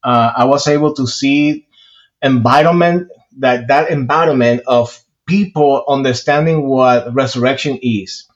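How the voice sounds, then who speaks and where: A man's voice: medium pitch, a little slow, muffled recording. A man with a Puerto Rican Spanish accent, a priest talking earnestly in a casual interview, with many fillers and restarts. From Puerto Rico.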